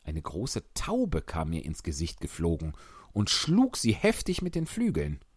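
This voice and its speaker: Guy reading a fairy tale out loud, very lively pitch, dry close sound. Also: a little slow, slightly rough, no room sound. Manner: expressive, animated narration. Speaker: narrator. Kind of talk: storybook reading.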